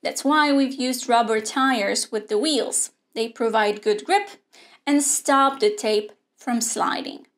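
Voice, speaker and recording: A young woman presenting a scripted online robotics lesson in a studio, explaining clearly and steadily. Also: fairly high pitch. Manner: clear, measured explaining with hand gestures. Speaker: robotics teacher. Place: indoor studio with a grey backdrop.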